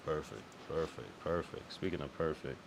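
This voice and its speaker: Animated and creaky, his rumbling low voice moves at a moderate pace over a little hiss or hum. He's a young East Coaster from Connecticut and Massachusetts, loosely chatting late at night on a live stream, laid-back, profane, and prone to repeating phrases.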